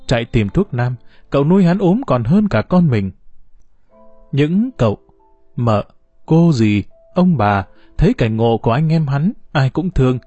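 A man narrating a novel for an audiobook in a calm, measured storytelling voice. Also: medium pitch, no echo. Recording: dull, slightly muffled recording.

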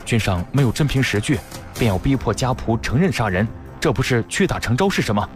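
A man's voice: mid-range voice, expressive, a little fast, faint music behind, natural voice. A man voicing an indignant official who protests an unfair punishment.

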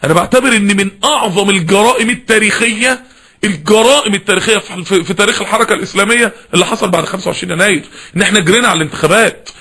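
Fast, bright Egyptian preacher, impassioned. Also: male voice, high-pitched. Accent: Egyptian Arabic. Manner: impassioned, scolding, with rhetorical questions. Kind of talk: fiery sermon.

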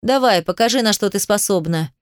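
A woman's voice: medium pitch, brisk, dry recording, clean studio sound, lightly acted. Young male herald, icy and defiant, controlled cold delivery, woman reader.

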